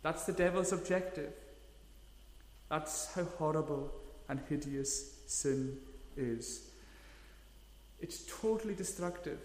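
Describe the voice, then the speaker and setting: A pastor in his thirties preaches a sermon earnestly and emphatically, leaning hard on key words. His voice is a little high and slow, echoing through a hall with long reverb.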